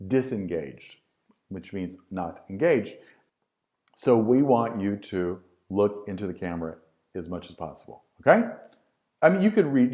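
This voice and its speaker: A middle-aged man teaching a class on presentation skills, emphatic and repetitive, with lively swings in his voice. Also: on the low side. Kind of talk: lecture to students.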